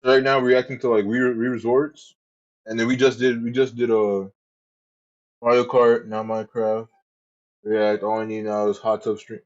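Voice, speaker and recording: A man streams live, chatting casually with his viewers in a rambling, profane way and often repeating himself. His mid-range voice has a flat delivery at a moderate pace, and the audio sounds dull.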